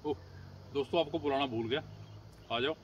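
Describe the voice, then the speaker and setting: Man at a forest camp meal, casual remarks, distant mic, loud insect sounds behind. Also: mid-range voice, brisk. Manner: quiet, offhand remarks. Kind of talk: casual chat over a meal. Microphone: camera some distance away. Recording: distant outdoor recording with insect noise. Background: insects buzzing and chirping.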